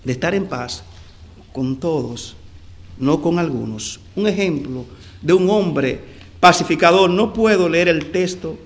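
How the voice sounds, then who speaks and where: A man preaching a sermon, addressing listeners as brother, stretching out key words for emphasis and letting phrases sink low at the ends. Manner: preaching with slow drawn-out emphasis and sinking phrase endings.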